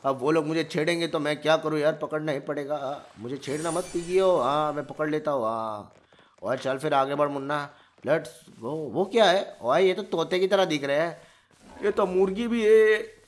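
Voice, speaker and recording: Excitable man doing gameplay commentary. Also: fairly high pitch, moderate pace. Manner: excitable, exclaiming and joking. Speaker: gamer.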